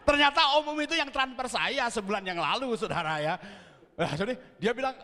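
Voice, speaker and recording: Lively Javanese-accented preacher in a hall. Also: male voice, very high-pitched, slight background noise. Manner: storytelling, mixing in Javanese, acting out scenes with sound words. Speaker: pastor. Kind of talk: sermon. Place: church hall. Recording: long reverb of a church hall.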